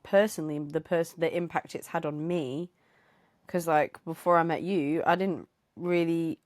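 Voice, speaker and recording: A woman's voice: sits low, fairly even intonation, moderate pace, a little mellow, dry recording. A woman co-hosting a podcast in casual chat, hesitant with many restarts. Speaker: podcast co-host.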